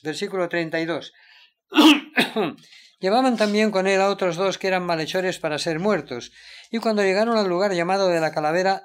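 Man reading scripture aloud, higher voice.

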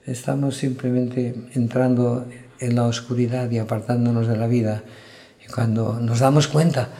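A man's voice: medium pitch, mellow. A man preaching a sermon in an earnest, reflective way, often checking in with his listeners. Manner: earnest, reflective, frequent "¿verdad?" asides.

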